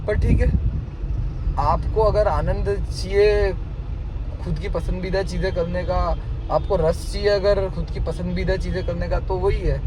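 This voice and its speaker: A man's voice: high voice, noisy background. A man in his twenties from India talking casually and reflectively to his camera, slipping English words into his speech. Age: 20s. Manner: musing, conversational, mixes in English words. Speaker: vlogger.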